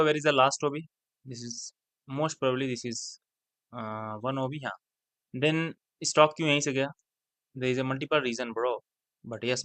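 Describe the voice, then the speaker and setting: A man's voice: mid-range voice, dry recording. Guy teaching trading, blunt and slangy, repeats himself a lot, dry close sound. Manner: blunt, slangy, repeats phrases, drops into mixed English; swings between loud urging and quiet muttering. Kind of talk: casual screen-share trading lesson.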